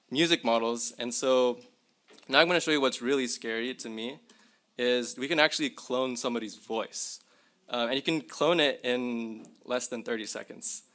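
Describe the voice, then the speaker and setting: A young man whose mid-range voice is a bit bright gives a live tool demonstration at a symposium held in a university lecture hall. As a tech presenter, he chats casually and speaks directly to those watching.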